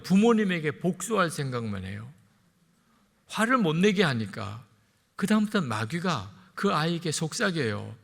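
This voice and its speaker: A middle-aged male pastor preaching a sermon in a lively way, acting out the voices of parents he quotes. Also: a little high, creaky. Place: large church sanctuary. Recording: long hall reverb.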